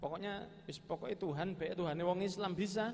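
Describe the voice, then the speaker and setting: An older man with an East Javanese accent telling a story as a preacher, mixing in Javanese phrases and acting out quiet dialogue. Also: high-pitched, fairly quick, a little hiss or hum. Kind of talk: storytelling sermon. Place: large hall at a religious gathering. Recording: long hall reverb, faint ambience.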